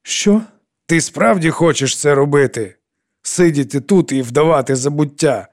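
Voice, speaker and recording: A man reading an audiobook and voicing an older woman with arthritic hands who speaks in a measured, firm tone. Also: a little high, no echo, clean studio sound, voice pushed up. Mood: stern, exasperated. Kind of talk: audiobook character voice.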